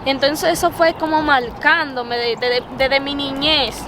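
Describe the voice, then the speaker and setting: A young woman of twenty with a Dominican accent and a high, light voice tells her story. She talks earnestly and haltingly and often repeats herself. The recording is noisy, made outdoors with urban traffic behind her. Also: steady tone. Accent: Dominican Spanish. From Dominican Republic. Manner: earnest, hesitant, with many fillers and repeated words. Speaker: interview guest, preacher. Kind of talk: personal testimony interview.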